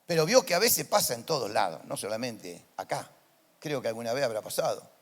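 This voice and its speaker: A male pastor with a Rioplatense Spanish accent, preaching a sermon in church and swinging between quiet, intimate lines and loud, impassioned declarations. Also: mid-range voice, sing-song, a little fast.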